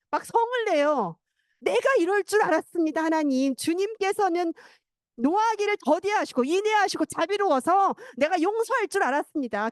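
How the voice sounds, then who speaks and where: Animated woman preaching a sermon. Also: high-pitched, dry recording, studio quality. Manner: animated storytelling, acting out quoted lines. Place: church sanctuary.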